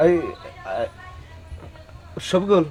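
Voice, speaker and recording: A man's voice: sits high, sing-song, drawn-out words, darkish tone, faint music behind, exaggerated voice. A man playing an old grandfather who has just married a young bride, bossy and suspicious in a comic drama. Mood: commanding. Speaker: old groom. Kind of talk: comic audio drama acting.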